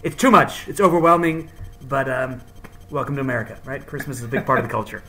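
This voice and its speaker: A man's voice: mid-range voice, fast talker, bright, forceful tone, low-quality recording. A man hosting a podcast in a casual, jokey, hyped-up chatting style. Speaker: podcast host. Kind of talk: casual chat.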